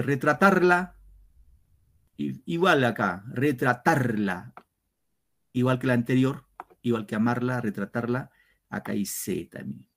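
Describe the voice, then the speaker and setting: A male teacher giving an online literature class, explaining slowly and step by step to his students. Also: medium pitch, gravelly. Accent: Peruvian Spanish. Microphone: computer mic on a video lesson.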